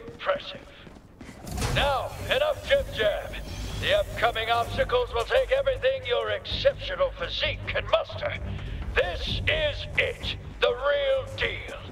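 An actor playing a pompous, gung-ho military drill instructor in a video game tutorial, theatrical and full of exclamations. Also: male voice, very high-pitched, normal speed. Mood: gung-ho praise. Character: bombastic gung-ho male military drill instructor, flattering recruits. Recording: game audio with loud music behind.

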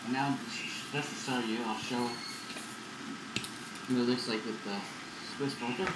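Young guy, vlogger muffled through a gas mask, rambling and casual, echoey room with loud noise behind. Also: medium pitch, unhurried. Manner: relaxed, rambling, filler-heavy. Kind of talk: casual product demo.

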